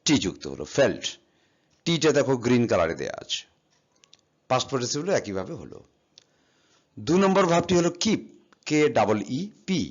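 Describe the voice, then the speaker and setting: A man's voice: medium pitch, sing-song, a little fast, long pauses. A man teaching an English grammar lesson, patiently spelling words out letter by letter and asking and answering his own questions. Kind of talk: classroom lesson explaining verb forms. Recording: slightly dull, lo-fi sound.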